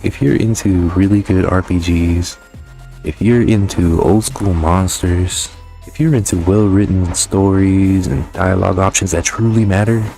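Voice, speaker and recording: The host of a game review channel talks through a video game review in a low, warm voice. His delivery is casual, informal and full of slang, staying conversational throughout with faint music underneath.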